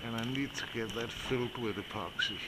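A man's voice: mid-range voice, a little fast. A man, filming a casual sailing vlog at a boatyard and harbor, speaking simple enthusiastic English. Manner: plain, simple phrasing, enthusiastic about boats. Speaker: sailing vlogger. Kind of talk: casual handheld vlog narration. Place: outdoors at a boatyard and harbor, also a wooden cabin. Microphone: handheld camera mic. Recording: loud wind noise on camera mic. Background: loud wind and water.

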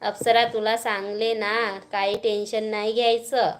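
A woman's voice: medium pitch, level tone, unhurried, slight background noise. A woman with a Marathi accent chatting casually on a live stream at home, greeting viewers by name and coaxing a small child.

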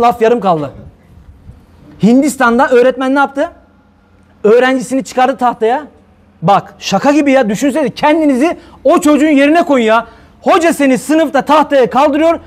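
Guy preaching all fired up, really high voice, keeps asking the crowd questions. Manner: rhetorical questions, heated and indignant. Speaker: religious preacher. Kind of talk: fiery religious talk to viewers.

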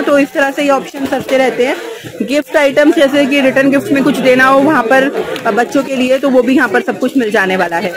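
A chatty woman with a high voice films herself strolling through a crowded outdoor street market on a handheld phone. She keeps asking sellers for prices and repeats them to her viewers in a casual, friendly vlog manner. Heavy crowd chatter surrounds her. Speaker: market vlogger. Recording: loud crowd noise outdoors.

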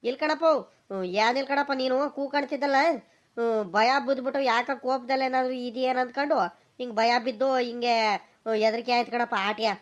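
Brief: anxious grown son voiced by a woman, rural Karnataka accent, hesitant and stammering, fairly high voice. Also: steady tone, normal speed, lightly acted. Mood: nervous. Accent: rural Karnataka Kannada. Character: nervous grown son of a village family, evasive.

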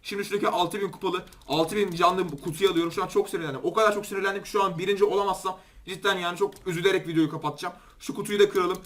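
Young male gaming commentator, Turkish accent, high and rapid, excitable and chatty with viewers. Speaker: gaming YouTuber. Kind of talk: gameplay commentary.

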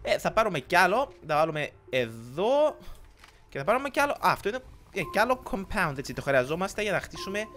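A young man with a Cypriot Greek accent, giving casual let's-play commentary in an excitable, rambling way, often slipping in English words. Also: high voice, soft background music. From Cyprus. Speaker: gaming YouTuber.

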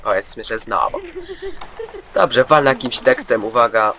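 A man of average pitch talks through a horror game as he plays it. He jokes constantly and chats to the characters on screen, half teasing and half soothing them, in a loose let's-play commentary. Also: moderate pace, bright, forceful tone. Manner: jokey, chatters to game characters, mock-soothing. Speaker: gameplay commentator.

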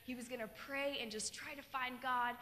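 With a long hall reverb and slight background noise, a young woman from Colorado speaks at a moderate pace in a high-sitting voice. She's a keynote speaker on a large, dark auditorium stage, earnestly telling her personal story into a handheld mic with animated gestures.

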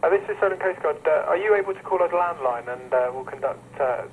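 Guy on a marine radio calling as coast guard, talks fast, by-the-book radio procedure. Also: a little high, phone-quality sound, slight background noise. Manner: formal radio procedure, ending turns with "over". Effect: heard over a marine VHF radio.

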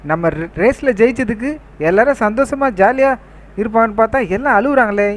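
A man voicing a confused, dramatic young man in a game story who keeps questioning himself out loud. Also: very high voice, voice pushed up. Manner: puzzled, self-questioning rambling.

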